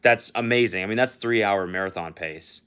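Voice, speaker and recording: A man's voice: lowish voice, normal speed, a bit bright, clear, resonant tone. A young man casually vlogging about his training, self-mocking, laughing often and swearing freely. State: out of breath after a run.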